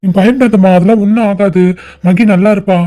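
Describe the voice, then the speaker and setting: A woman voicing a worried middle-aged father in a cartoon, gentle and reassuring. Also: medium pitch, fairly even intonation, brisk, natural voice. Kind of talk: cartoon voice acting.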